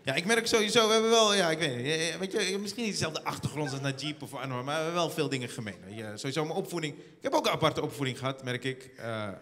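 Male stand-up comic, animated storyteller, bright and forceful, on a theater stage with long reverb. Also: a little high, fast talker, few pauses. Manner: animated storytelling, acts out scenes. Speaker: stand-up comedian. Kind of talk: stand-up comedy routine.

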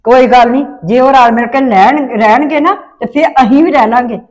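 A woman's voice: high voice, fairly quick, darkish tone. A middle-aged woman with a Punjabi accent, acting a firm, scolding mother in a family drama.

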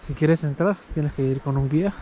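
Male travel vlogger, slightly high voice, rambling and filler-heavy, noisy outdoor recording. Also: brisk, dark tone. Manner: chatty, loose, with many fillers like "este" and "eh". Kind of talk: casual travel vlog commentary. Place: outdoors and on the road while traveling.

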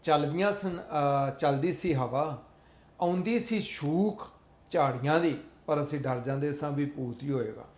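Man, motivational speaker; earnest, repetitive delivery, slightly raised pitch, roomy echo. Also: measured pace. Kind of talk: motivational talk.

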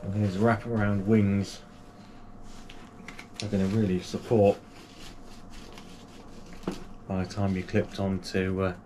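Measured and mellow, this UK kayaking channel host speaks in a lowish, flat voice while unboxing a product in his small home gaming room. He's chatty and enthusiastic, with frequent fillers and restarts, and a little hiss or hum sits under the recording.

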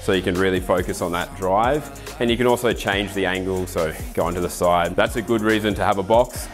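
A man in his thirties with an Australian accent, giving a relaxed, enthusiastic walkthrough of his garage home gym. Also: deep voice, a little fast, faint music behind. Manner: relaxed, enthusiastic, explains with asides. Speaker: fitness ambassador giving a gym tour. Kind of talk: casual walkthrough to camera. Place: home garage gym with roller door, indoors.

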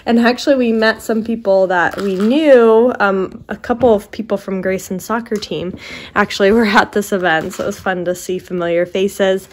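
A young American mother of young children chats casually to her vlog from her living room, filmed on a handheld camera. Her voice is mid-range with fairly even intonation, at a moderate pace.

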